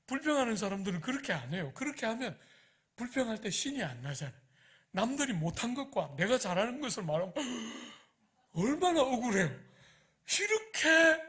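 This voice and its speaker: A man giving a sermon as pastor of a church, animated and addressing the congregation directly with questions. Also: high voice, breathy edge.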